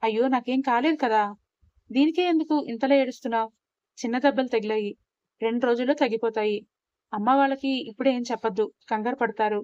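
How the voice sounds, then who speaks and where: A woman voicing a reserved young husband who talks calmly and gently, in a Telugu audio story. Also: fairly high pitch, fast talker, dry recording, muffled recording, close to an everyday voice. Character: quiet young husband, reserved but loving.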